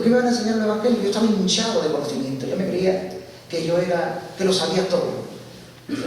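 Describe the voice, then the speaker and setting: A man giving a church testimony, telling his story with animated, acted-out dialogue. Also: high voice. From Spain. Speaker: guest speaker giving testimony. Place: large church hall. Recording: echoey church hall from far off, faint hiss.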